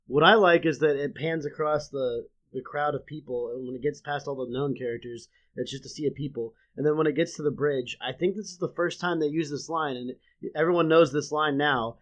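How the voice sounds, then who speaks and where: A man's voice: a little high, a little fast, few pauses, lo-fi sound. A man co-hosting a podcast, casually reviewing a cartoon episode, laughing often and quoting lines from memory. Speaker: podcast co-host.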